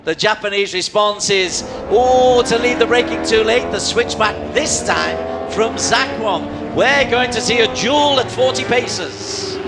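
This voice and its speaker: A man's voice: sits high, a little slow, hardly any pauses, loud music behind the voice. A man working as a motorsport commentator, calling a live motorcycle race with dramatic play-by-play.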